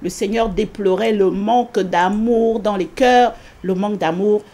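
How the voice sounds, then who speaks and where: A woman giving an earnest spoken religious testimony in an interview, repeating phrases often and pausing with hesitations. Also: steady tone, mellow. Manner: earnest, repetitive, with many hesitations; rises sharply in pitch when quoting her own pleas.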